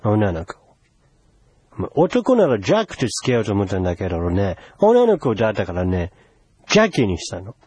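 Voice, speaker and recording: A man's voice: lowish voice, huge pitch swings, brisk, a little mellow, slightly rough, no echo, heavily acted. A man playing a pushy, teasing older foreign envoy in a solo comedy sketch, wheedling in broken Japanese with English phrases. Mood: chatty teasing.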